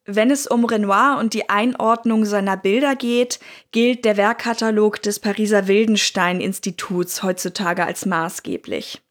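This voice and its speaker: A woman's voice: medium pitch, fairly even intonation, normal speed. Woman reading a true-crime podcast script. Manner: reads from a script with personal asides. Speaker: podcast co-host.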